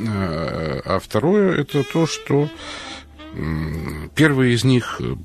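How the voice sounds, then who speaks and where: A man hosting a psychology radio talk, thinking aloud with pauses and fillers. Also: fairly low pitch, sing-song. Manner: thoughtful, hesitant with pauses and fillers. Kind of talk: radio commentary.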